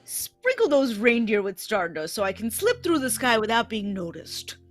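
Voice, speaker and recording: A performer playing a jolly, chuckling old Santa Claus in a live reading of an old-time radio play. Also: female voice, fairly high pitch, big pitch swings, moderate pace, faint music behind. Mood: cheerful.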